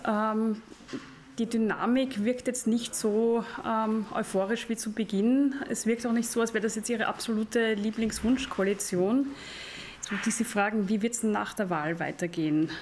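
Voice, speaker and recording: A woman's voice: on the high side, fairly even intonation, normal speed, darkish tone, a little hiss or hum. A woman with an Austrian accent interviewing a politician, pressing him and cutting in with follow-up questions. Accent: Austrian German. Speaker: interviewer, journalist.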